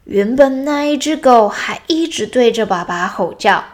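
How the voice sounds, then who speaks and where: A woman voicing a playful father bear who tells his cub a childhood story, in a slow, calm manner. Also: a little high, pitched above the performer's own voice.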